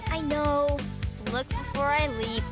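Cartoon tween witch: eager, gushing, high-pitched. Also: unhurried, loud music behind the voice. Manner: excited, gushing. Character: eager cheerful twelve-year-old girl witch.

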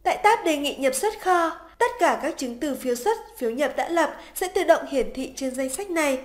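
A woman giving scripted, polite step-by-step narration for a software tutorial voice-over. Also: sits high, normal speed. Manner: polite, even, step-by-step instructional. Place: voice-over over screen recording.

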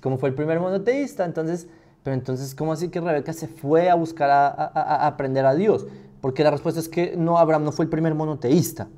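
Man teaching, mellow voice, rhetorical questions. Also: fairly high pitch, fast. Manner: thinks aloud with rhetorical questions. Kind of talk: live class answering questions.

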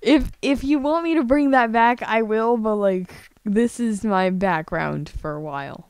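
A young woman with a fairly high voice chats casually while streaming her drawing, speaking at a measured pace in a clean tone with no room sound. She's indoors at her computer on a screen-share livestream, rambling hesitantly, swearing often and putting herself down.

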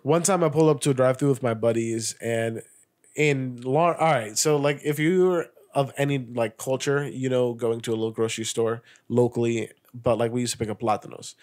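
A young man co-hosting a podcast, an animated storyteller who swears freely. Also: medium pitch, a little fast. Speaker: podcast co-host. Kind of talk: casual chat.

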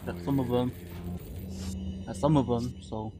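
A man's voice: mid-range voice, steady tone, noisy background. Rambling man commentating a game. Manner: rambling, many filler pauses. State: hiccuping. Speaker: gaming channel host. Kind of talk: casual let's play commentary.

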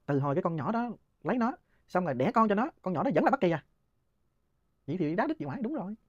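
A man's voice: high voice, sing-song, no room sound, highs cut off. A man, hosting and answering listener questions in a heated, scornful monologue punctuated by laughs. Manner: rapid, scornful ranting with frequent laughs.

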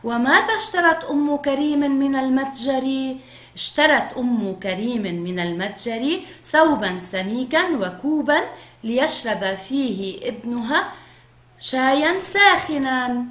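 A woman teacher giving a first-grade phonics lesson, speaking slowly and clearly to young children. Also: high-pitched, lively intonation, fairly bright tone, reverberant. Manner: slow, clearly drawn-out speech to young children.

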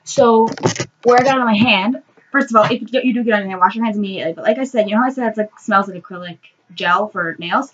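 A teenage girl reviews a toy while sitting on her bedroom floor, chatting through each step at a fast clip in a medium-pitched voice. It's recorded on a built-in webcam mic, so the highs are cut off and there's a little hiss or hum.

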